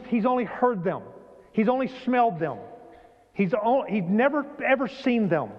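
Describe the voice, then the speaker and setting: Earnest preacher in an echoing church. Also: male voice, high voice. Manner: earnest, rising to emphatic storytelling. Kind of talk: sermon. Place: church sanctuary. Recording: dull sound, long hall reverb.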